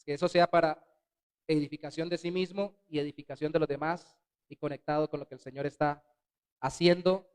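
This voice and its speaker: A man preaching a sermon as pastor in a church, swinging between loud bursts and soft, dropped words. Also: on the high side, fairly even intonation, a little fast, smooth. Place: church sanctuary.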